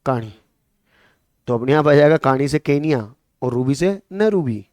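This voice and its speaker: A man's voice: fairly high pitch, measured pace, no room sound. A male coaching-class teacher from Rajasthan with a Marwari-tinged Hindi accent, lecturing with memory tricks and quizzing his students. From Rajasthan, India. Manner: lively, repeats questions to students and answers them.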